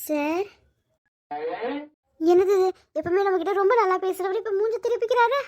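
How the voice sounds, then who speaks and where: Cartoon role: woman voicing a feisty young maid, very high squeaky voice, scolds then pleads. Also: moderate pace, darkish tone. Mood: chatty. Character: feisty young woman housemaid, bold and quick-tempered. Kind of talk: cartoon voice acting.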